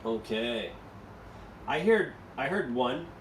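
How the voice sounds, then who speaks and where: A man's voice: mid-range voice, animated, slow, slight background noise. Man teaching English, echoey room. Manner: explains step by step, asks students questions. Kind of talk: classroom lesson, mixing English and Mandarin. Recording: echoey room, mic far off.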